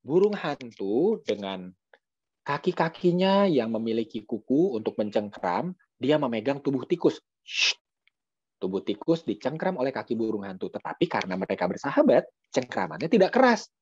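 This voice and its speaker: A man telling a children's story over video call, lively and coaxing the children to join in. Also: mid-range voice, moderate pace, slightly rough, no echo. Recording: dull dry video call audio.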